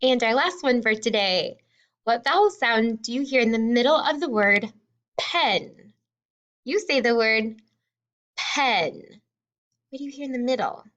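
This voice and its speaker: Slow, patient kindergarten teacher woman. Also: a little high, animated, fairly bright tone, muffled recording. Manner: slow, clearly sounding out letters and words. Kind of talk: remote phonics lesson for young children.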